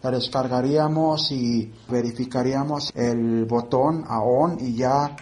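A man presenting a relaxed tutorial, explaining app settings step by step and thinking aloud as he goes. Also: medium pitch, unhurried. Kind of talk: screen-reader app walkthrough.

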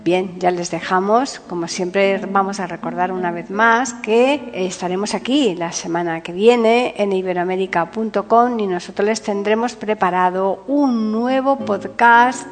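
A woman hosting a podcast, reading scripted narration in a measured, formal announcing manner. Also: mid-range voice. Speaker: podcast host. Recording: long reverb, music bed.

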